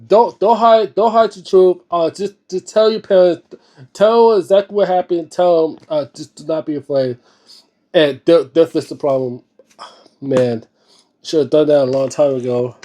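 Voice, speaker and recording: A mellow, somewhat high-voiced man reads a book aloud at an ordinary pace, stumbling occasionally over words. Between stretches of narration he drops in casual reactions of his own.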